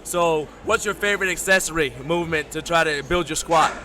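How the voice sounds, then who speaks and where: A man's voice: on the high side, brisk, noisy background. A man hosting a livestream, casually interviewing a competitor at a powerlifting meet. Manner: chatty, friendly questioning. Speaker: livestream host interviewing lifters. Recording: crowd chatter behind.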